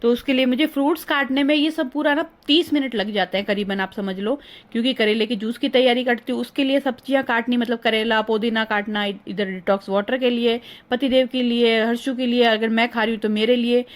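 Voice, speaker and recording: A middle-aged woman chatting through a casual vlog voice-over, rambling and homely, her voice a little hoarse. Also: on the high side, steady tone, a little fast. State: slightly hoarse. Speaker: vlogger. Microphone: phone.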